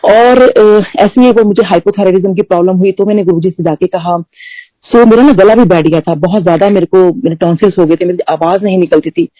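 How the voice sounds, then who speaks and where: A woman's voice: fairly low pitch, brisk, warm tone, no room sound, poor audio. A middle-aged woman telling personal devotional stories in a conversational way, mixing in English phrases and "you know" fillers and acting out the dialogue. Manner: storytelling that acts out quoted dialogue. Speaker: devotee sharing personal testimony. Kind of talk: conversational satsang testimony.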